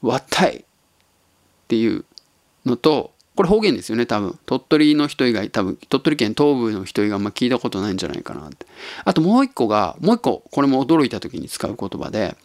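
A man from Tottori hosts a casual solo podcast at a middle pitch. He muses in an easygoing, unhurried way and chuckles often. The voice sounds close and dry, with no room sound. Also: very animated, a little mellow, no echo. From Tottori, Japan. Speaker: podcast host.

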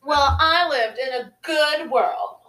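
A woman's voice: high-pitched, takes it slowly, bright, forceful tone. A young woman co-hosting a podcast in casual chat, giggly and playful, slipping into a Valley Girl voice. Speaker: podcast co-host. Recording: roomy, mic at a distance.

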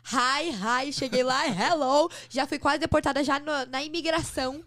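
A woman from Brazil, a podcast guest, telling stories in an animated, chatty way. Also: sits high, moderate pace, no room sound, studio quality. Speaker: interview guest. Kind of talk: casual chat.

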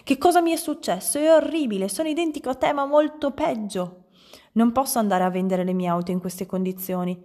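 Una donna che legge ad alta voce e fa un padre vanitoso di mezza età che urla in preda al panico. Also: female voice, on the low side, steady tone, fast, few pauses, natural voice. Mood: agitated. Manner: shouting, flustered. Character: loud panicking vain middle-aged father.

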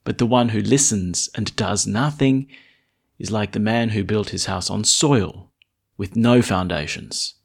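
A man, a priest, speaking at Mass in a church, deliberate when reading and conversational when explaining. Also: lowish voice, creaky, slightly rough. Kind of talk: Gospel reading and informal homily at Mass.

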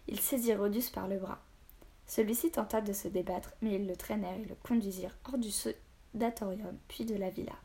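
A woman narrates a children's audiobook with steady, expressive delivery. Her voice sits at a middling pitch, neither high nor low. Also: a little fast, vocal fry.

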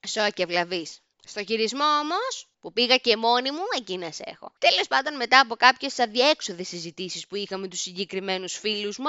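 Animated young woman telling funny stories. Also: a little high, clear, resonant tone, no room sound. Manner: animated, self-mocking, dramatic. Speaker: podcast host. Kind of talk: comedic personal storytelling. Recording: dull lo-fi recording.

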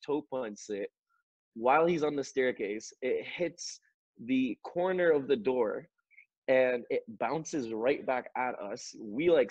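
A man on a video call, casually telling a story in a relaxed, slangy way. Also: mid-range voice, no room sound, highs cut off. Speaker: podcast co-host.

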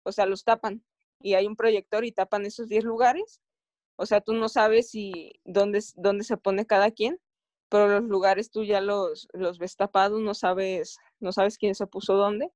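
Halting Mexican woman telling her story. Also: medium pitch, steady tone, a little mellow, no room sound. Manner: halting, restarts phrases often. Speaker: Olympic athlete guest. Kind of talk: casual interview storytelling.

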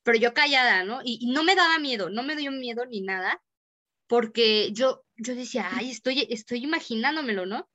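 A young Mexican woman tells a story in casual chat. Her voice is bright and sits a little high, and she acts out every line people said. It sounds like an easygoing talk between friends. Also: normal speed. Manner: lively storyteller acting out quoted speech.

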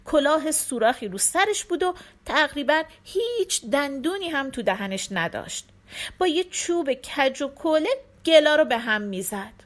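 A woman narrating a folk tale for listeners, expressive and acting out the characters. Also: high-pitched.

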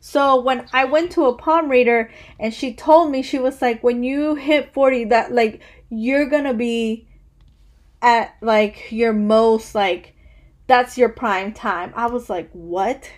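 A woman in her early thirties hosts a relaxed podcast conversation. Her voice sits quite high, and she rambles, restarts and leans on "like" constantly. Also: slow pace. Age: 30s. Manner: chatty, rambling, says "like" constantly. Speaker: podcast host. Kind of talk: casual interview chat.

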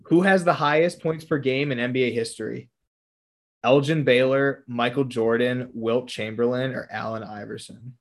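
A man's voice: medium pitch, steady tone, normal speed. Young male host, casual, reads quiz options aloud, laughs often. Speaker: podcast host reading quiz questions. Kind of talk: casual chat.

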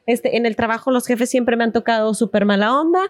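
A Mexican woman hosts a casual podcast chat in a relaxed, colloquial way. Her voice sits a little high. The sound is dry and close. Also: brisk, no room sound. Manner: relaxed, colloquial, quotes everyday complaints.

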